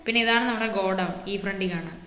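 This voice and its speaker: A woman's voice: mid-range voice, fast talker, bright, forceful tone, lightly acted. A woman voicing an easygoing adult man, showing off his city in a game role-play with a boastful, teasing big-brother tone. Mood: casual. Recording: echoey roomy reverb.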